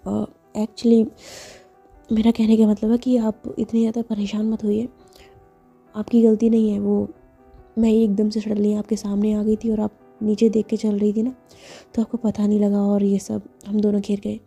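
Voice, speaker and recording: A woman voicing a calm, teasing young woman in love, who talks in a soothing, gently bossy way. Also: mid-range voice, normal speed, creaky, breathy edge, faint music behind. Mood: shy.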